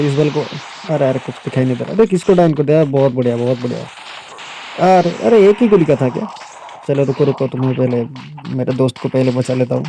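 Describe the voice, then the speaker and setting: Young man, game commentary, excitable, frequent exclamations, mellow tone, faint background hiss. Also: mid-range voice, gravelly. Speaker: gaming YouTuber. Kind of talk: live gameplay commentary.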